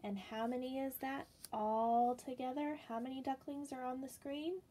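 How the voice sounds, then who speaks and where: In a small room, a young female teacher reads a picture book aloud to young children and counts slowly, patient and sing-song. Her high-pitched voice stays fairly level in pitch and has a warm tone.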